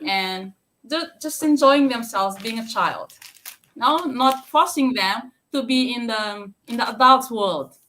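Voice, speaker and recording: A woman's voice: mid-range voice, fairly bright tone. A woman from Fiji speaking on a live stream from her home, talking hesitantly with many fillers and restarts.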